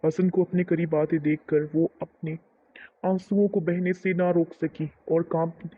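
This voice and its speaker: Calm man narrating a novel, lo-fi sound. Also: a little high, unhurried. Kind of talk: storytelling narration. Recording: muffled lo-fi recording.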